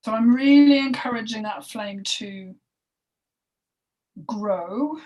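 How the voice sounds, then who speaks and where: A woman co-hosting a spoken energy healing session, talking in a halting, emotional way, with sighs and soft breathy asides. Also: fairly high pitch, lo-fi sound. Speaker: healing session practitioner and co-host. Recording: voice distant from the mic.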